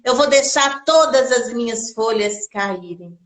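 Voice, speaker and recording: A woman's voice: on the high side, animated, a little slow. A woman voicing a motherly talking orange tree in a children's folktale, with a storytelling lilt and an echoey room.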